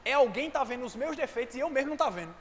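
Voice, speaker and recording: A man preaching a sermon, fervent and at times rising to shouts. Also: very high-pitched, expressive, rapid-fire. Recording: echoey hall with faint noise.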